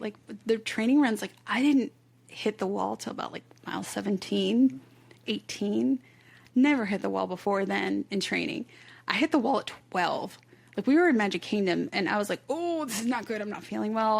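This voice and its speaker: A woman's voice: medium pitch, vocal fry. A woman hosting a podcast, telling a story in a chatty, casual way that leans on "like" a lot. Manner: chatty storyteller, heavy use of "like". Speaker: podcast host.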